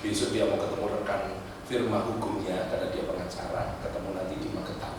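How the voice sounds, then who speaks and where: A man preaching a sermon, telling stories and urging his congregation with animated, shifting delivery. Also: low-pitched, quick pace, noisy background. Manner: animated storytelling, switching between pleading and urgent exhortation. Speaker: pastor. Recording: echoey church hall from far off.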